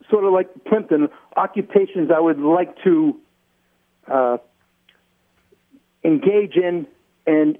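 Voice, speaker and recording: Male interview guest, New England accent, slightly high voice, halting and deliberate explainer, narrow phone-like radio sound. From Massachusetts, United States.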